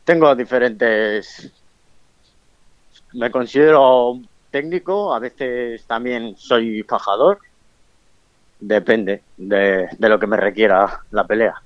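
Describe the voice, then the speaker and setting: A professional boxer in his twenties, from Colombia but speaking with a Bilbao Spanish accent, gives short, shy answers in an interview. His voice is mid-range and slow. The recording has no room sound and the highs are cut off.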